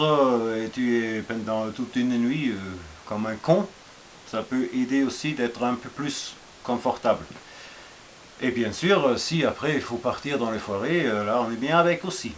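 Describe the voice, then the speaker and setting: A man with an Austrian German accent gives a relaxed, informal show-and-tell vlog of his survival gear, speaking hesitantly with many fillers and restarts. His voice is at an ordinary male pitch, and a faint hiss runs beneath the recording.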